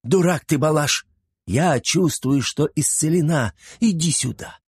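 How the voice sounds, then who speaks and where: A man voicing a stern peasant woman who scolds her husband in a raised, lively voice. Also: a little high, measured pace, slightly rough, no echo, studio quality, pitched above the performer's own voice, exaggerated voice. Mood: scolding.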